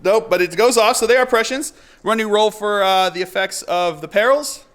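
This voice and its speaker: Hosting and playing a tabletop battle, a man with a high, bright voice calls out dice results in a loose, casual play-by-play at normal speed. He laughs often and lets out excited whoops when the rolls turn.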